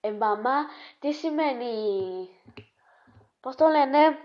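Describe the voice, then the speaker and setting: Halting higher-voiced woman reading jokes. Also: animated, lo-fi sound. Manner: halting, with many restarts and hesitations; breaks off to chat to her dog. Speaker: vlogger. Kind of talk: casual joke reading.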